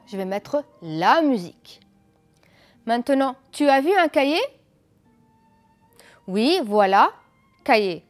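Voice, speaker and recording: A woman teacher giving a televised school lesson, explaining patiently, asking pupils questions and praising their answers. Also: high-pitched. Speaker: French teacher.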